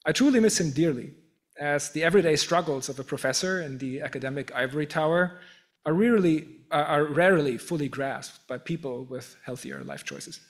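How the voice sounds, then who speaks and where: A middle-aged man with a German accent delivering a prepared acceptance speech as a professor, measured and self-deprecating, with occasional restarts. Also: a little high, lively intonation. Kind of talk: formal prepared speech with humor.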